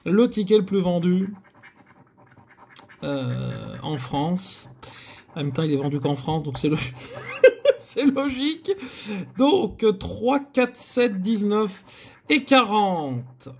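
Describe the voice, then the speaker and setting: A man's voice: high voice, sing-song, slow, gravelly, pauses often, a little mellow, breathy edge. A man hosting a scratch-card video, giving chatty, theatrical commentary to his viewers as he scratches. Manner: chatty, theatrical, addresses viewers, frequent groans. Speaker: host.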